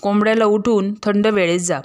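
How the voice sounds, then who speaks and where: A woman's voice: medium pitch, steady tone, moderate pace, natural voice. A woman reading the lines of an anxious old village woman in a storybook tale, earnestly warning.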